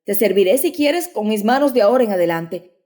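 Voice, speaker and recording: A woman's voice: medium pitch, lively intonation, fairly quick, a little mellow, close to an everyday voice. A woman voicing a proud young wife who protests in a tense, tearful voice. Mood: tearful, hurt. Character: proud young wife, scornful then humiliated.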